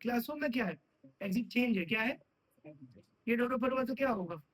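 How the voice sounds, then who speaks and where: A man's voice: very high voice, a little fast, poor audio. A man teaching computer science in a classroom, often stopping to put check questions to his students. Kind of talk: classroom lecture.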